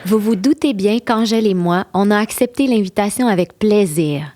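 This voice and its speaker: A woman's voice: medium pitch, normal speed, dark tone. A woman with a Québécois accent hosting and narrating a history walking tour podcast, playful and enthusiastic, with teasing asides to her listeners. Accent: Québécois French. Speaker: podcast host and tour guide.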